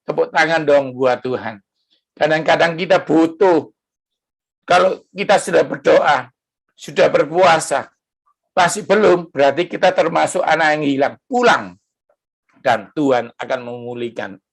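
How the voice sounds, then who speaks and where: A man preaching a sermon in a church service, lively and full of rhetorical questions to the congregation. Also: a little high, vocal fry. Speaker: pastor.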